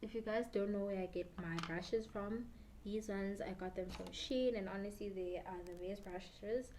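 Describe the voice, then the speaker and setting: A woman's voice: mid-range voice, fairly even intonation, normal speed, darkish tone, a little hiss or hum. A slightly tipsy South African woman in her twenties chatting casually and ramblingly while doing her makeup, switching between English and Zulu. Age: 20s. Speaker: beauty YouTuber. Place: small bedroom indoors.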